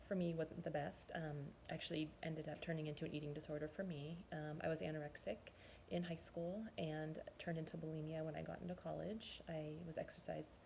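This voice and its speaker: A woman in her forties speaks in a low, gravelly voice. She tells her own story as a nutrition and fitness coach, chatty and earnest, often pausing to recall. A faint hiss sits under her voice. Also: flat delivery, darkish tone. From Southern California, US. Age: 40s. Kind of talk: personal testimonial monologue.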